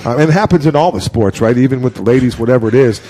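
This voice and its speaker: A man's voice: mid-range voice, expressive, racing, dark tone. Chatty male sports show host. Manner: chatty, joking questions. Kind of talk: casual sports talk show.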